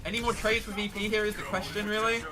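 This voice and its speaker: A man's voice: high voice, little pitch movement, fast, music in the background. A man giving live esports analysis as a co-caster, reasoning conversationally through the match.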